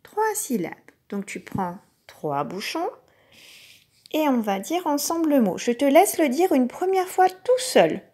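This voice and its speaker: A woman teacher giving a recorded lesson to young children, speaking patiently and sounding out each syllable clearly. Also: sits high, big pitch swings, measured pace, dark tone. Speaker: kindergarten teacher.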